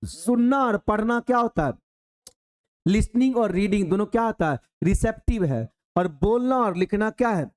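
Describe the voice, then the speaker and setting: A man with a high voice teaches an exam-prep lesson in Hindi. His speech is chatty and colloquial, and he calls his listeners "babu." He keeps asking the class questions and then answering them himself. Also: expressive, normal speed.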